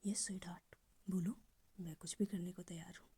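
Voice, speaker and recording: A woman voicing a smooth young man plotting with his partner in a coaxing tone. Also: on the low side, fairly even intonation, fairly quick, warm tone, pitched below the performer's own voice. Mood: scheming. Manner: coaxing, conspiratorial.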